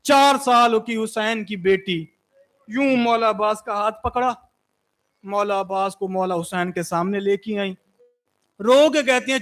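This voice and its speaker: A man, a Shia cleric, delivering a mournful sermon that he recites and that rises into chanted and shouted passages. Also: very high-pitched.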